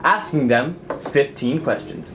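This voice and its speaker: A man's voice: mid-range voice, a little slow, over music. Upbeat young male interview host. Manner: upbeat, reads questions in a scripted way. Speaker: host, video producer. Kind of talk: interview hosting.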